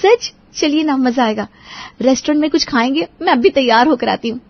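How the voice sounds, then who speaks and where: A woman's voice: sits high, a little fast, husky, lo-fi sound. Kangana, a woman voicing a sweet shy bride. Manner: polite, sweet and respectful.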